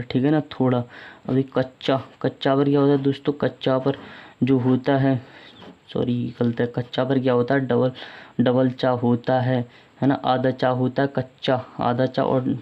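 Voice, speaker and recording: Flat-voiced man teaching spelling, lo-fi. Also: mid-range voice. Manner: repeats each point, quizzing the listener. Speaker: exam-prep teacher. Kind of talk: casual spelling lesson. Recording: dull lo-fi sound.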